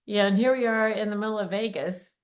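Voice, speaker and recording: A woman from Maryland hosting a casual podcast interview, chatty and animated as she tells stories. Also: mid-range voice, brisk. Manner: chatty, animated storyteller who breaks into laughter. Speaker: podcast host, realtor.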